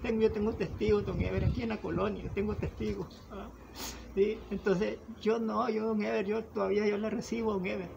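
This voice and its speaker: Pleading high-voiced Honduran man. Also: flat delivery, brisk, gravelly, highs cut off, noisy background. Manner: pleading, repetitive, keeps addressing the listener by name. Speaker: interviewee, father. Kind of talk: emotional conversation.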